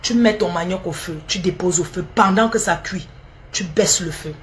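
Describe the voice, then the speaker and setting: This middle-aged cook talks straight to her audience in a casual video, repeating each recipe step and mixing in teasing and scolding. Her voice sits on the low side at a moderate pace, with a little hiss or hum.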